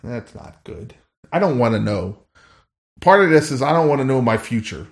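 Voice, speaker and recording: A man playing a rough, worn-out, streetwise hunter in a tabletop game, talking in an offhand, slangy ramble. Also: mid-range voice, very animated, normal speed. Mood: casual, evasive.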